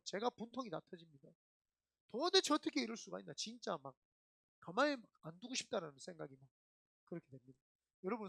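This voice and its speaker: A middle-aged man, a senior pastor, preaching a sermon in an emphatic, animated storytelling way. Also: high-pitched, vocal fry, no room sound, clean studio sound.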